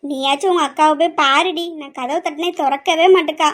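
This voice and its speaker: A woman voicing a worried middle-aged mother who pleads slowly and sometimes scolds. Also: high-pitched, steady tone, natural voice. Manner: slow, pleading, scolding at times. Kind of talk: amateur family drama.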